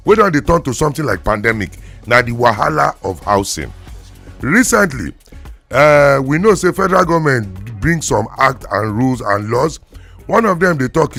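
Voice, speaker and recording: A man's voice: mid-range voice, vocal fry, fairly bright tone. A Nigerian man hosting a talk show in Nigerian Pidgin mixed with English, with playful, theatrical build-ups. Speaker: radio show host.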